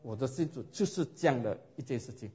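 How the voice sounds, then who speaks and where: A man preaching a sermon and telling his own story in a lively way, often asking his listeners rhetorical questions. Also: medium pitch, a little fast. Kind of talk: sermon with personal testimony. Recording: dull lo-fi recording.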